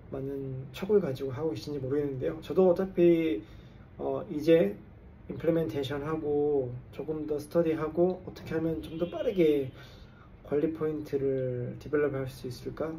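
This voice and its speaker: Recorded far from the mic on low-quality gear with a little hiss or hum, this man's voice is a little high, creaky and dark in tone. He's in his forties, from South Korea, and slightly tipsy from drinks, chatting to camera in a casual vlog as a construction engineer and English coach with his own channel. English jargon slips into his speech.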